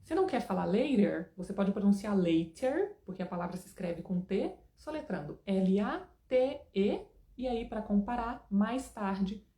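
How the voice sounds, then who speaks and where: A woman's voice: mid-range voice, expressive, moderate pace, dark tone, echoey room. A woman teaching an English lesson in a casual, chatty way, often checking in with her students.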